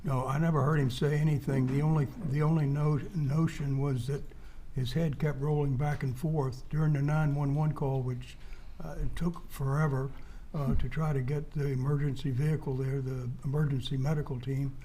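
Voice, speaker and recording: A man testifies as a witness in a hesitant, halting manner. His tone is mellow and his pitch stays within a narrow, even range. He sounds understated and measured, answering in a courtroom style. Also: slight background noise.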